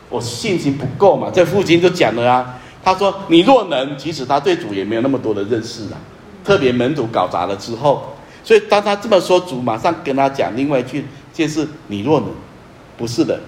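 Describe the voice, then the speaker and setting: Earnest male pastor in an echoey hall. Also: a little hiss or hum. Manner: earnest, emphatic, repeats phrases, often drops to a soft low voice. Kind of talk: sermon.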